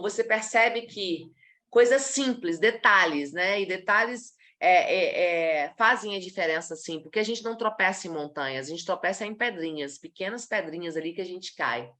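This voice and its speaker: A woman from Brazil giving a live talk to professionals on body language, lively and demonstrative, acting out examples as she goes. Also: medium pitch.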